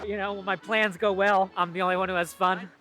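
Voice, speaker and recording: A man's voice: sits high, little pitch movement, a little fast, over music. A man hosting a casual travel vlog outdoors in a park, playful and joking, laughing often. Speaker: vlogger host.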